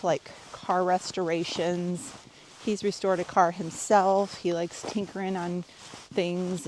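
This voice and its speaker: A woman's voice: medium pitch, slight background noise. A woman in her fifties, a health coach, chatting casually to her viewers while outdoors at home and on a walk. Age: 50s. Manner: chatty, relaxed, addressing viewers directly. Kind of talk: casual vlog chat. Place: outdoors at home, patio and walking route.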